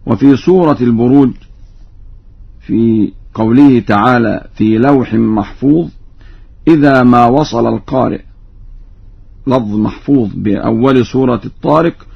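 A man's voice: medium pitch, creaky, husky. Man teaching recitation on dull old radio. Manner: explains plainly, then chants verse examples slowly. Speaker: Quran reading scholar. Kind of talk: radio lesson on recitation variants.

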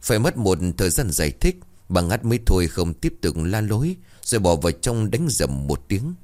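Casting: male narrator for a ghost story, very deep voice, lively swinging delivery. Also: moderate pace.

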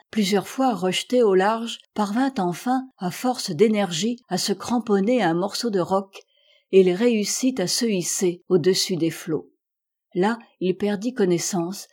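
Woman reading an audiobook, steady and measured, kinda husky. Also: medium pitch. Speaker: audiobook reader. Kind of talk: literary audiobook narration.

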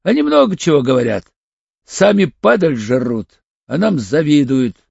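A tough male ex-convict, read by a man speaks in short, blunt phrases with a gravelly, husky edge. The audiobook sound is dull and dry, with a lively rise and fall to the lines. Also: on the high side, measured pace, no echo, heavily acted. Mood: hard, curt. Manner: blunt, clipped, threatening. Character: tough hardened male ex-convict, curt and cool.

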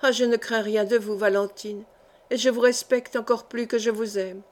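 An anguished young nobleman pours out bitter, passionate pleas to his wife, as a woman narrator reads his part. The reading is lightly acted in a somewhat high voice. It is an audiobook of a historical novel. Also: steady tone, moderate pace, a little mellow, close to an everyday voice. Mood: pleading.

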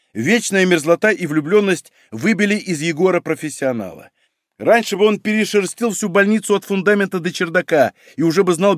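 Male narrator, lively intonation, dry close sound. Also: a little high, no room sound. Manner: expressive storytelling. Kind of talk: audiobook narration.

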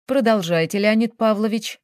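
Casting: a woman playing a calm, firm, ironic woman detective from an audiobook, dry close sound. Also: medium pitch, normal speed, no room sound, close to an everyday voice. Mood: probing. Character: cool, composed female private detective.

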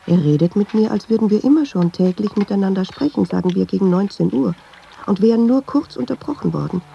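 An actress with a medium-pitched, warm, creaky voice speaks briskly and expressively, performing a radio drama monologue as a nervous, watchful woman narrating her thoughts. She muses hesitantly and intimately, sometimes dropping to half-whispers, in a suspicious, uneasy mood. The recording is muffled with a little hiss or hum.

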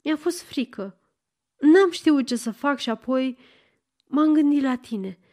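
A woman's voice: high voice, lively intonation, dark tone, voice pushed up. A woman reading an audiobook and voicing a frightened, impulsive young woman who speaks urgently. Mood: fearful, urgent.

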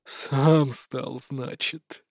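A man's voice: medium pitch, fairly even intonation, drawn-out words, creaky, darkish tone, dry recording, voice pushed down, full character voice. Man voicing a harsh domineering prince-father, barking and cold; dry close audiobook read. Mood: mocking. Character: stern, domineering middle-aged prince and father.

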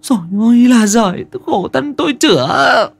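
A man's voice: very high-pitched, expressive, normal speed, creaky, breathy edge, voice pushed up, exaggerated voice. A man voicing a panicked young village wife, wailing and frantic.

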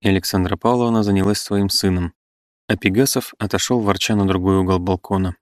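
A man reading a classic novel aloud in a measured, even narration. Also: sits low, no room sound, studio quality. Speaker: audiobook narrator. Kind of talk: literary audiobook reading.

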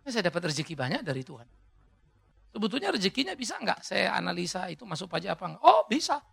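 Male pastor, high gravelly voice, bright and sharp, lively sermon delivery. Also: quick pace. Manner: lively preaching with jokes and shouted climaxes.

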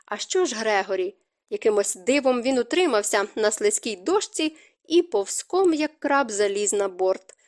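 Woman narrating an audiobook, slightly high voice. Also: animated, normal speed, a little mellow. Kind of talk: scripted narration.

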